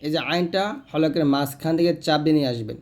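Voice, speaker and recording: A man teaching Quran reading, spelling out letters and vowel marks one by one. He gives quick explanations, then recites the verses slowly and drawn out. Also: on the high side, darkish tone. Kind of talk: step-by-step recitation lesson.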